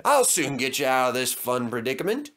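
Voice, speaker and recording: A man's voice: medium pitch, big pitch swings, fairly quick, fairly bright tone. A man voicing a helpful, cheerful tractor with a reassuring manner in a children's story. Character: easygoing, helpful, chuckling male tractor.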